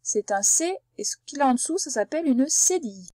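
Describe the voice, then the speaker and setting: A primary school teacher gives young children a reading lesson, patiently sounding out words syllable by syllable and addressing the child directly as tu. Her voice sits high and is expressive, brisk and mellow, with no echo.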